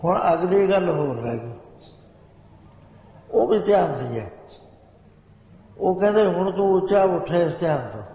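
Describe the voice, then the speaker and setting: A man's voice: high voice, lively intonation. Man preaching, chanting lines in a hall. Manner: slow chanting of sacred lines within speech. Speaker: Sikh preacher. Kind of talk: spiritual discourse with sung lines. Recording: echoey hall, muffled lo-fi sound.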